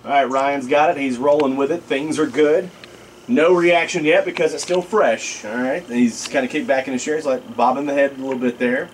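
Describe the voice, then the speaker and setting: A man hosting a live radio show, giving energetic play-by-play commentary in a crowded studio. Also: mid-range voice, fairly quick, slight background noise. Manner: energetic, excitable narration.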